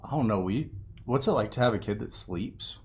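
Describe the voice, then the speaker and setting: A man co-hosting a casual podcast, telling quick anecdotes in an easygoing way and laughing often. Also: mid-range voice, expressive. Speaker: podcast co-host. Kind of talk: casual chat.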